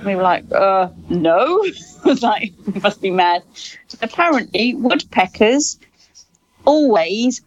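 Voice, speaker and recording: A woman's voice: mid-range voice, animated, measured pace, dull audio. A middle-aged mother, chatting casually with her son, laughing often and telling jokes. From United Kingdom. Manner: warm-hearted, laughs often, jokey. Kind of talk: casual chat.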